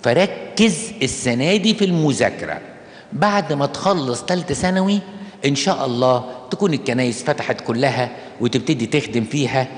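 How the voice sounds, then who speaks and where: A man with an Egyptian Arabic accent, a priest answering questions in a lively, animated pastoral talk. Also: medium pitch, fairly quick, reverberant, in a large hall. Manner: lively, animated, acts out askers' words.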